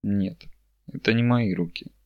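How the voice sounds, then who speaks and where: A man's voice: on the low side, a little slow, no room sound, highs cut off. A man voicing a confused man who wakes with no memory, speaking in bewildered questions.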